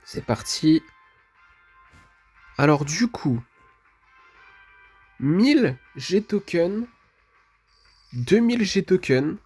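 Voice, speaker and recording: Slow, hesitant gaming commentator. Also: male voice, fairly high pitch, big pitch swings, a little mellow, slightly rough, faint music behind. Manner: hesitant, full of "du coup" fillers. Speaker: gaming video creator. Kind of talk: casual gameplay commentary.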